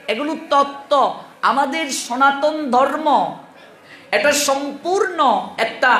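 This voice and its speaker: High-voiced man giving a slow religious talk. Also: pushed and bright. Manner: patient and explanatory, spells things out step by step and asks listeners questions. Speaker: religious speaker on the Gita. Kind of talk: devotional teaching discourse. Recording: roomy echo.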